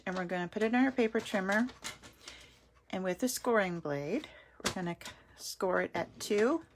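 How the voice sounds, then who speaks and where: A woman's voice: mid-range voice, a little hiss or hum. A woman hosting a live online craft tutorial, chatty and greeting her viewers by name as she works.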